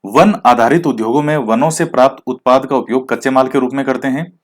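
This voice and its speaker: Speaking a little quickly in a steady, medium-pitched tone, a male exam-prep lecturer explains material and then poses questions that he answers himself. He slips English words into his speech and owns up to his rustic pronunciation.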